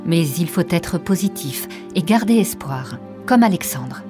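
A woman voicing a calm middle-aged male school principal who speaks steadily and seriously. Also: lowish voice, measured pace, over music.

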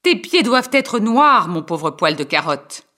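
A man voicing a harsh, scolding mother in a storybook reading, shrill and theatrical. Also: big pitch swings, a little slow, pushed and bright, full character voice.

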